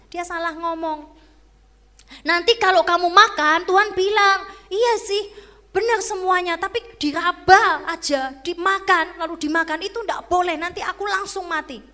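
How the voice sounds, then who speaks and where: Brief: woman evangelist, conversational sermon, bright tone, long hall reverb. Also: high voice. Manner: emphatic, conversational, asks the audience questions. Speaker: evangelist preacher.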